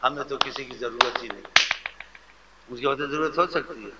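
A man preaching a devotional sermon with fervent, animated delivery, sometimes mimicking how people speak to others. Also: mid-range voice, heavy background noise. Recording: lo-fi recording with faint ambience.

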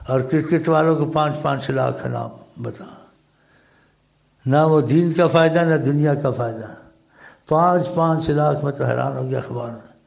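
A man's voice: a little high, very animated, creaky, a little mellow. A man giving an informal religious talk, telling stories in a chiding, conversational way. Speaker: preacher.

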